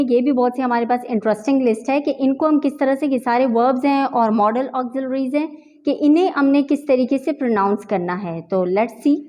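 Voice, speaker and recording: A young woman teaching English pronunciation in a lesson, explaining in Hindi with English phrases and repeating each example word slowly. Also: sits high, mellow. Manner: slow, drawn-out repetition of example words.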